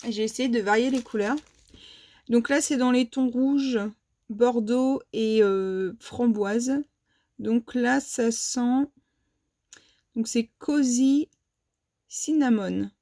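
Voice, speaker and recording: Woman from France, slightly high voice, slow and hesitant, shopping haul vlog. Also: mellow. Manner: hesitant, many fillers and restarts. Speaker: vlogger showing a shopping haul. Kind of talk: casual show-and-tell haul.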